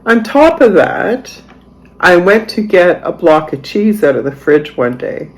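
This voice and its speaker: A woman's voice: on the low side, very animated, a little slow, rough recording. A middle-aged woman vlogger talking casually to her viewers, chatty and dryly sarcastic as she tells a story. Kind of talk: casual chatty voice-over vlog.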